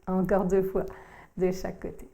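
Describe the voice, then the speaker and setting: A woman, working as a yoga teacher, calmly cueing breath and movement through a core workout. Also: lowish voice, creaky. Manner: calm, slow cueing of breath and movement, addressing the listener informally.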